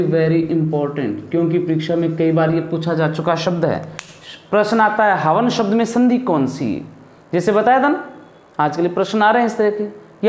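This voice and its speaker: In an echoey room, a male teacher from India gives a classroom lesson on Hindi grammar in a high, slightly mellow voice. He asks his pupils questions and then answers them himself.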